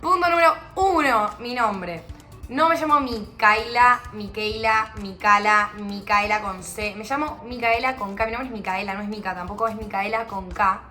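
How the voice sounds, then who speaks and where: A young Argentine woman with a Rioplatense accent talks straight to camera in a home vlog, chatty and teasing herself, her voice bright and forward. Faint music plays in the room behind her. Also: medium pitch, moderate pace. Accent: Rioplatense Argentine Spanish. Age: young adult. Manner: chatty, self-mocking, slangy. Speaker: vlogger. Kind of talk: casual chat to camera.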